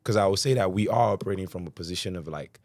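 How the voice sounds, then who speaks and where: Casting: man, South London accent, fairly deep, casual slangy interviewee, dry sound. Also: very fast, a little mellow, no echo. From South London, England. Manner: slangy, often addressing listener as bro. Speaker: independent music artist being interviewed. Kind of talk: casual chat.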